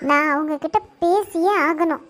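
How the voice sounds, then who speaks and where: A woman voicing a hot-headed college girl in a cartoon, accusing and shouting. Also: extremely high pitch, measured pace, soft background music. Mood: angry. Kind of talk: Tamil cartoon voice acting.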